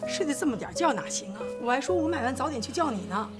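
A woman's voice: high-pitched, expressive, very fast. An actress playing a caring, fussing middle-aged mother in a family TV drama. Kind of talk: TV drama acting. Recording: drama scene with loud music.

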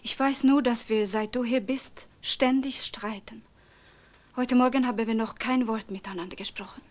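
A woman's voice: fairly high pitch, fairly even intonation, unhurried, close to an everyday voice. An actress playing a young wife who must ask her mother-in-law to leave, speaking hesitantly and often half-whispering. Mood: pleading. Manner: hesitant, hushed. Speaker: daughter-in-law. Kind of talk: TV drama acting.

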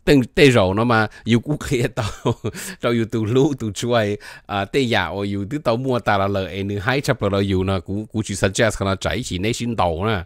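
Male presenter, low pitch and dry sound, casual educational talk; reads brief phrases and unpacks each at length. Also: a little fast, no room sound. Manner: reads short English phrases aloud, then explains them at length.

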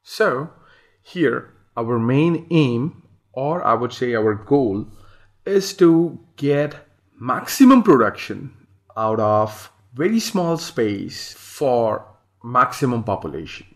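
A man's voice: medium pitch, big pitch swings, slow pace. A man from India presenting farming slides, reading them aloud and adding his own remarks with some hesitation. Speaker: farm owner presenting slides.

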